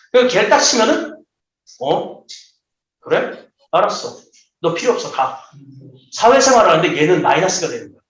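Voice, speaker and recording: A man preaching a sermon to children, telling stories and acting out the voices of the people in them. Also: sits high. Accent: Seoul Korean. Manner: lively, acts out quoted voices. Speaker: children's pastor. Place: church hall. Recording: echoey room.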